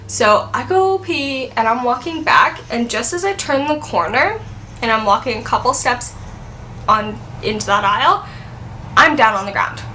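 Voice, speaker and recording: Bright-voiced young woman telling a storytime. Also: on the high side, animated, moderate pace, a little hiss or hum. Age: 20s. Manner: chatty, rambling, heavy use of "like". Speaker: vlogger. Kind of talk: casual storytime vlog.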